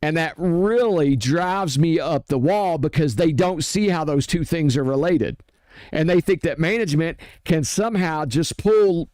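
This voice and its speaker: A man's voice: on the high side, darkish tone, no echo. A man in a casual, heated rant, blunt and profane, acting out both sides of arguments. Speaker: streamer ranting on workplace issues.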